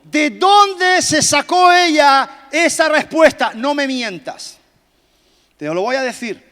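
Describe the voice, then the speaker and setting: A man's voice: very high voice, fairly bright tone. A man preaching a sermon in a church hall, emphatic, joking and asking the congregation questions. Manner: emphatic, quizzes the congregation, jokes. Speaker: pastor. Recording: long reverb of a church hall.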